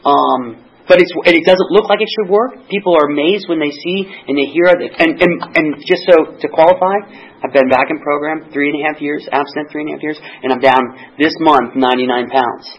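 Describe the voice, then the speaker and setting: A middle-aged man giving a personal recovery testimony, halting and restarting, often repeating words. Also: on the high side. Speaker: speaker sharing a recovery story. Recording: dull lo-fi recording.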